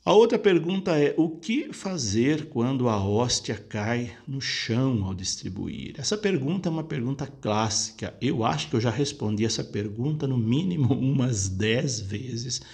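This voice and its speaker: A priest talks through listeners' questions one by one, calm and explanatory. His voice sits at an ordinary male pitch with a gravelly, creaky edge. He restates each point so it is easy to follow. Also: unhurried, hardly any pauses. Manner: explanatory, patient, repeats points for clarity. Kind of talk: casual spoken Q&A lesson.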